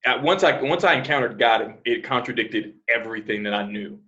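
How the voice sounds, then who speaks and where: A man from New Jersey who grew up in Arizona, a podcast guest talking in a relaxed, rambling way with many "you know" fillers. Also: mid-range voice, a little fast, highs cut off. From born in New Jersey, raised in Arizona. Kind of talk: casual interview.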